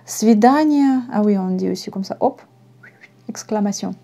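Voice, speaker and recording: A woman's voice: mid-range voice, unhurried, gravelly, mellow. A woman with a Russian accent teaching a language lesson, patiently spelling words out letter by letter. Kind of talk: slow online language lesson.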